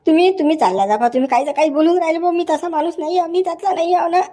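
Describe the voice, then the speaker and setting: A man's voice: very high-pitched, rapid-fire, warm tone. A man acting a nervous, honest village official in a comedy sketch, protesting and repeating "baba" as he talks. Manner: protesting, sprinkles "baba" through his speech.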